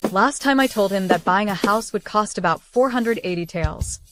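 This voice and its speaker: A woman dubbing a caring young wife in a period drama, with a gently bossy, fussing manner. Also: mid-range voice, normal speed, faint music behind, lightly acted. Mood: matter-of-fact, caring. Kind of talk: English dub of a period drama.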